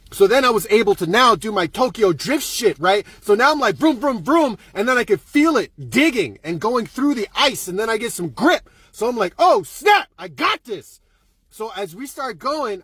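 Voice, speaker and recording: A man telling a wild driving story as a vlogger, excitable and profane, acting out scenes with sound effects. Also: high-pitched, slightly rough, dry recording. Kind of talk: animated storytelling.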